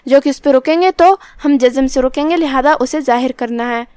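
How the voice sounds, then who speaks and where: High-voiced woman teaching recitation. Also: smooth, no echo, clean studio sound. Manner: slow, drawn-out recitation between steady explanations. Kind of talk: tajweed lesson with slow recitation.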